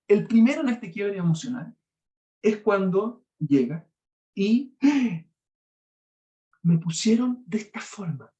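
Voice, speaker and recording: A middle-aged Chilean man, a university lecturer, giving a lively talk and acting out little scenes in a raised voice. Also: on the high side.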